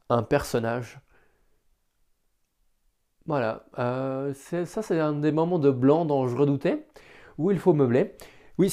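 A man improvising a solo podcast, hesitant and self-deprecating as he thinks aloud, with careful, deliberate articulation. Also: medium pitch, warm tone. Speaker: amateur podcast host.

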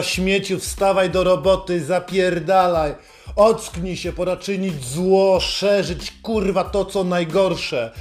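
A man delivering a sarcastic, mocking rant, swearing constantly and scolding the listener. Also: sits high. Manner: mocking, heavily profane, scolding.

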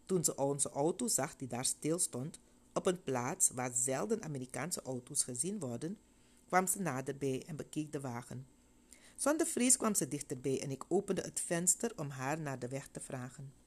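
A woman's voice: extremely low pitch, expressive, moderate pace, a little mellow, slightly rough. A woman reading a first-person testimony story aloud, expressively voicing the characters.

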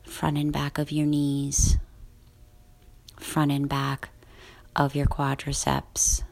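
Woman in her twenties or thirties, whispered bedtime relaxation guide, unhurried, slightly gravelly. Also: low-pitched, monotone. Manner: soft, slow, soothing whispered delivery. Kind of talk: guided sleep meditation.

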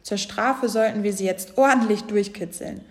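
A woman's voice: mid-range voice, normal speed, lightly acted. Cheerful male elephant, playful, children's story, woman doing him. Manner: cheerful, mischievous.

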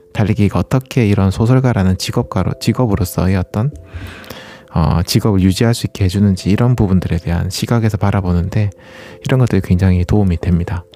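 A man's voice: fairly low pitch, warm tone. A man hosting a running talk, speaking casually and politely as he explains things to listeners and puts questions to them. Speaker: running channel host.

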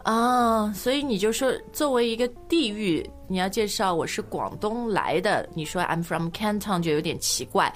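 A woman from Shanghai hosts a bilingual language-lesson podcast, chatting easily and laughing as she moves between two languages. Her voice sits at a middle pitch. Faint music plays in the background. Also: animated, normal speed, hardly any pauses. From Shanghai, China. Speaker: podcast host, English teacher.

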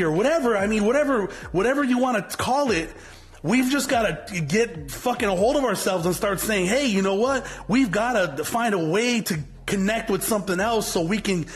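A man with a high voice and lively intonation speaks at normal speed in an unscripted motivational talk for his viewers. In his forties, he's a motivational vlogger and business owner who is blunt and fiery, rambles and repeats, swears freely and often restarts his sentences.

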